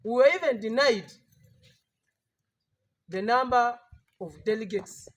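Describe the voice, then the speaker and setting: Defiant high-voiced Ugandan man. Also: slow pace, a bit bright. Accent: Ugandan English. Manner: emphatic, defiant oratory with repeated rallying lines. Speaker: party politician at a press conference. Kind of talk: political press statement.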